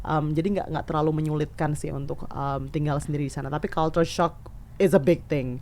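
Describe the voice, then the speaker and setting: A woman's voice: low voice, fairly quick. Chatty woman from eastern Indonesia. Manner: lively storyteller, mixes in English words. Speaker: podcast guest. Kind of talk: casual podcast conversation.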